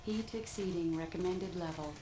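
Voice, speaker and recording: A woman voicing a female onboard mech computer that gives calm, clipped alerts about overheating and imminent shutdown. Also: fairly low pitch, moderate pace, close to an everyday voice, poor audio. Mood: flat alert. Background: loud game music.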